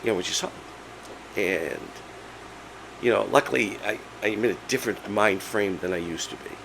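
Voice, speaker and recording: A man of sixty with laryngitis, his hoarse voice giving out as he chats casually and haltingly as a vlog host. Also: on the low side, fairly bright tone, slight background noise, low-quality recording. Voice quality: hoarse, breaking voice. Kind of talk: casual personal vlog, chatty storytelling.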